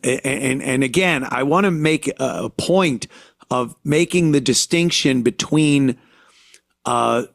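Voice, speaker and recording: A man from the United States hosting a podcast, talking alone in an indignant rant full of halting restarts. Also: medium pitch, creaky, dry recording, clean studio sound. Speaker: podcast host. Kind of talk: podcast monologue.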